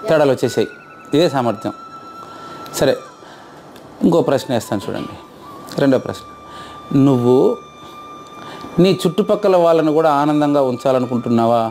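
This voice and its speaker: A man's voice: mid-range voice, expressive, brisk, pauses often, mellow, slight background noise. A man teaching a group, asking his audience questions over and over and checking their answers. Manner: quizzes audience, repeats questions. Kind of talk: interactive lecture.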